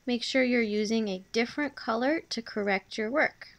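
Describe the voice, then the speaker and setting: A woman teacher giving a spelling review, reading out each sound, word and sentence slowly and clearly and then repeating it. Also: on the high side. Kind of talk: spelling dictation lesson.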